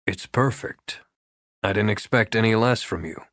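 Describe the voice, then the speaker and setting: A man voicing a terse, steady adult man who speaks low and clipped. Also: moderate pace, dry recording. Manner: low, clipped, understated delivery. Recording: dry close studio sound.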